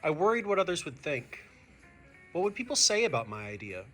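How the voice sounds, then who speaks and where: With soft music faint in the background, a male teacher reads a storybook aloud to children, speaking a little fast. His bright, mid-range voice is highly animated and expressive, directed right at the young audience.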